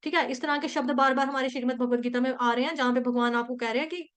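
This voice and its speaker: A woman teaching a devotional scripture class, explaining in Hindi mixed with English and chanting Sanskrit verses slowly. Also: sits high, steady tone, a bit bright, clean tone.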